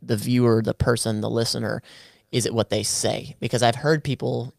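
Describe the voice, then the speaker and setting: A man's voice: mid-range voice, little pitch movement, moderate pace, vocal fry, a little mellow, no room sound, studio quality. A man hosting a podcast, asking thoughtful questions and encouraging his guest. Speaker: podcast host. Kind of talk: casual podcast interview.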